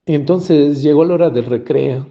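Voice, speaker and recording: Guy sharing his life testimony, high gravelly voice, kinda muffled lo-fi audio. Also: moderate pace. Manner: retells childhood memories, often acting out dialogue. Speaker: speaker giving a personal testimony. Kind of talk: personal testimony, storytelling. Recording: dull lo-fi recording.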